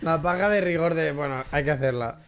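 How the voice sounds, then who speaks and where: A man's voice: fairly high pitch, a little fast, clear, resonant tone. A man co-hosting a casual podcast chat, tossing in jokes and quips. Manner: joking interjections, laughs often. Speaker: podcast co-host.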